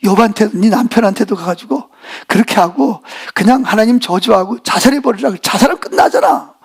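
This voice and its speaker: A man's voice: high-pitched, fairly quick, gravelly, husky, voice pushed down, full character voice. A man preaching, voicing a scheming male devil who urges a woman to turn on her husband. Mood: coaxing.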